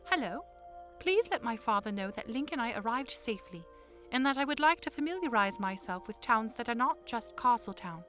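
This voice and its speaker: A woman's voice: on the high side, expressive, a little fast, fairly bright tone. A woman playing a polite, earnest young princess with formal, articulate phrasing in a fan audio drama, music behind her. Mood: composed, formal.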